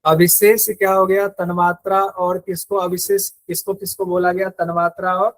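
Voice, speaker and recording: A man's voice: high-pitched, level tone, moderate pace, no echo, poor audio. Male yoga teacher repeating key terms. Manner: explains step by step, repeats key terms, quizzes students. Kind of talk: live online exam-prep class.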